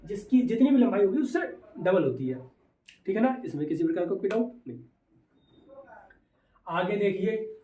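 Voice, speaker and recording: A man's voice: high voice, a little mellow, recorded from a distance. A male teacher giving a physics lesson, asking questions and answering them himself, mixing in English terms. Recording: echoey room, voice away from mic.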